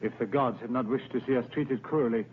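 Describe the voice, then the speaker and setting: Actor as an earnest young Roman patrician, tinny soundtrack. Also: male voice, mid-range voice, fairly even intonation, brisk, lightly acted. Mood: earnest pleading. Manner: earnest, formal. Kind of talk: dubbed historical epic film acting. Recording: tinny narrow-band old film soundtrack, noisy.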